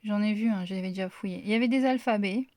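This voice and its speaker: A French craft vlogger shows off her crafting finds in a casual haul video, chatty and rambling with lots of fillers. Her mid-range voice is a little mellow and quick, and the recording is dry.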